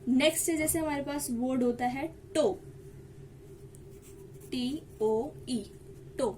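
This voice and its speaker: A woman's voice: high voice, takes it slowly, darkish tone, slight background noise. A woman teaching a shorthand lesson step by step, asking the class questions and answering them herself, with English terms mixed into her Hindi.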